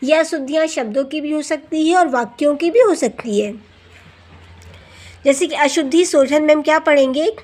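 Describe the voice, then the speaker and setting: A woman's voice: high-pitched, normal speed, darkish tone. A woman teacher going through exercises for students, asking questions and answering them herself, words into her speech. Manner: addresses students as beta, asks and answers own questions. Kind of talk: classroom lesson explanation.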